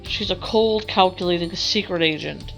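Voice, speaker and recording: Reading visual novel text aloud in a let's play, this young woman is expressive and occasionally stumbles, with game music playing in the background. She speaks at normal speed in a lowish voice with vocal fry, and the audio quality is poor.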